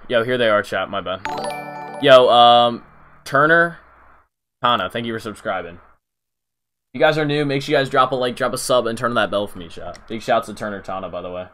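A man's voice: medium pitch, moderate pace, a bit bright, soft background music. A young man casually live-streaming a game, rambling to his chat with lots of fillers, calling out viewers' names and saying "bro".

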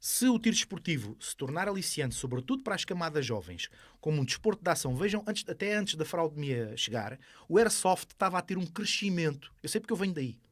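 A man's voice: a little high, very animated, fast talker, dry recording. A man in his thirties with an Alentejo Portuguese accent, talking casually as a podcast guest and explaining things colloquially with examples. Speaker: podcast guest, sport shooter. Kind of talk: casual interview talk. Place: small foam-padded podcast studio. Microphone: close studio podcast microphone.

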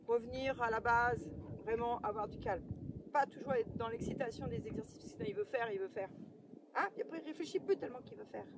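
A woman training a horse outdoors, giving short coaxing commands and soothing it, often in a hushed voice, picked up by a camera at a distance. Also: fairly high pitch, expressive, fairly quick, noisy background. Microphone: camera mic at a distance.

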